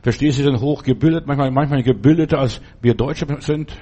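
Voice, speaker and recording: A man's voice: mid-range voice, a little fast, mellow, slightly rough, highs cut off. A man preaching a sermon and reading a Bible story, talking in an earnest, fatherly way straight to the listener.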